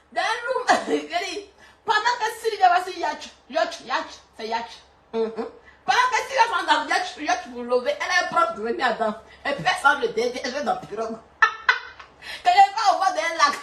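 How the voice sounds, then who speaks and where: Laughing woman telling a funny story, high lively voice, echoey room far from the mic, faint noise. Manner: giggly, teasing storytelling. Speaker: comedy show co-host. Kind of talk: laughing comic commentary.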